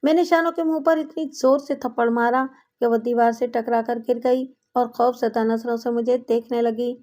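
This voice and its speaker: A woman's voice: a little high, fairly even intonation, mellow. A woman narrating a crime story audiobook in a dramatic storytelling style.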